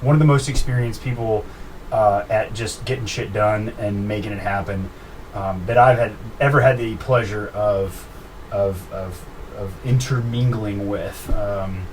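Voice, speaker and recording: A man's voice: lowish voice, steady tone, unhurried. A man hosting his own interview show in a studio, chatty and joking, with many fillers and restarts. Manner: chatty, filler-heavy, jokey. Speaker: podcast host. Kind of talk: casual interview chat. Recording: distant mic with faint room noise.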